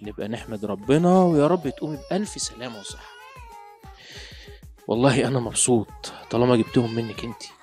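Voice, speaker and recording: A man's voice: medium pitch, fast, long pauses, warm tone, soft background music, close to an everyday voice. An actor playing a doting young husband who laughs and teases his wife in an Egyptian accent in a radio drama. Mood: teasing. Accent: Egyptian Arabic. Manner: laughing, playful teasing.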